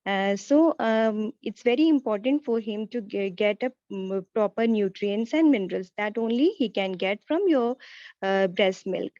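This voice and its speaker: A woman speaking as a nurse in a practice role-play, reassuring and polite, with a halting, hesitant delivery. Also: medium pitch, dark tone, no echo. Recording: slightly dull, lo-fi audio.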